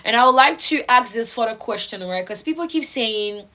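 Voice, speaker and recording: A woman's voice: on the high side, expressive, brisk, bright, forceful tone, low-quality recording. A young woman hosting a casual livestream, reading out viewer comments in a bubbly way, laughing often and repeating words for emphasis. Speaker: livestream host.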